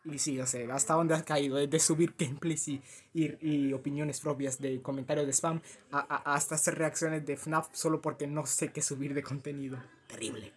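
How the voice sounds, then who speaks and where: A young adult host rambling casually through a reaction video, using lots of fillers and imitating the characters in quick mock voices. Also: mid-range voice, steady tone, crowd noise. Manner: rambling, full of "como que" fillers and mock quoted voices.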